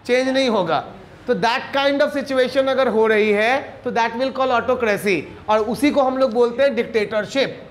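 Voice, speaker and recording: A man's voice: very high voice, a bit bright. A man with an Indian accent giving a classroom civics lecture. He mixes Hindi and English, asks himself rhetorical questions and checks in with the class. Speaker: civics teacher.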